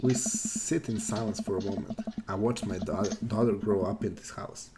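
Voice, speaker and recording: A man streaming a game and reading its first-person narration aloud in a quick, playful way. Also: lowish voice, fairly even intonation, very noisy. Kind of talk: reading a visual novel aloud.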